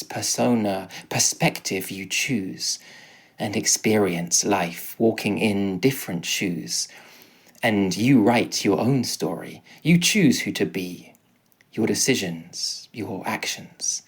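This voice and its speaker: A man voicing a kindly, wise old shape-shifting guide in a storybook tale, speaking calmly and gently. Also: on the low side, takes it slowly, vocal fry, husky, exaggerated voice. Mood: serene.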